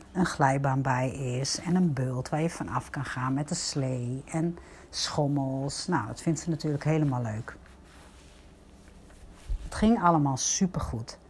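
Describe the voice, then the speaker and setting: An older woman, a grandmother, gently telling viewers a personal story in a reflective, casual way. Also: very deep voice, a little hiss or hum.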